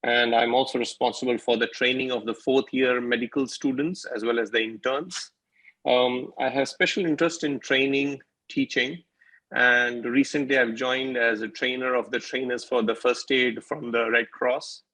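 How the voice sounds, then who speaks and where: Man, husky voice, from the UAE, earnest, video call self-introduction. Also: mid-range voice, steady tone, moderate pace, bright, forceful tone, low-quality recording. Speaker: emergency physician and educator.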